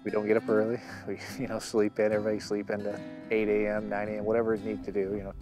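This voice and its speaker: Relaxed low-voiced outfitter, flat. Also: male voice, very fast, music in the background. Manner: relaxed, says you know often. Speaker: camp outfitter. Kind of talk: interview. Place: outdoors at a tent camp.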